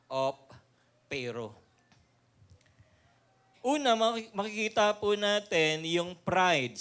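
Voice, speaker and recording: Slow-preaching Filipino pastor, man. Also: fairly high pitch, clean tone. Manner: lively preaching with call-and-response questions and laughs. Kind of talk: sermon.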